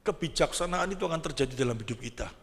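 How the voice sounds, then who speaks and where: A man's voice: a little high, lively intonation, racing, long reverb tail. A man preaching a sermon as pastor, often asking the congregation questions. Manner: asks the congregation rhetorical questions. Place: church sanctuary.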